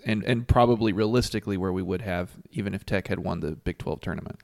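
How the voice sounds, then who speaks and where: A man's voice: low voice, fast, vocal fry, darkish tone, dry recording, clean studio sound. A man co-hosting a sports podcast, chatting in an easygoing, conversational way. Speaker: podcast co-host. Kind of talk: casual sports podcast chat.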